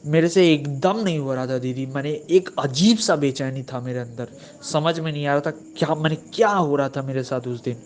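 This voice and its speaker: Young man, fairly high voice, earnest and halting, circles back on his words. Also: a little mellow. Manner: earnest, halting, repeats himself. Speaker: devotee sharing experience. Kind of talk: personal testimony.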